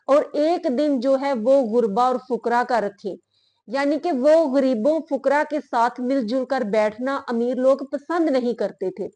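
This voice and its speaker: Slow, high-voiced woman preacher. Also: darkish tone. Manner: slow, earnest preaching with Urdu religious phrasing. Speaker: religious speaker. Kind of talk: Islamic moral talk.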